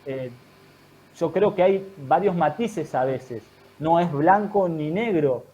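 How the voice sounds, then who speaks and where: A man, a guest in an online talk, giving calm, thoughtful advice in measured explanatory phrases. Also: on the high side, muffled recording, soft background music. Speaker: guest speaker.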